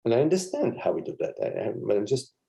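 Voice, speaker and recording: A man's voice: mid-range voice, sing-song, quick pace, vocal fry, dark tone. A man, a spiritual teacher, giving a meditative live satsang talk in a meandering, conversational way with frequent chuckles and asides.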